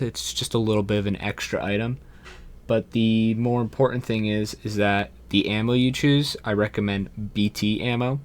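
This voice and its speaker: A young man casually walking viewers through a shooter game, talking straight to them and calling them "boys". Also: on the low side. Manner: chatty, calls viewers "boys". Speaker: gaming YouTuber. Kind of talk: casual gameplay tutorial.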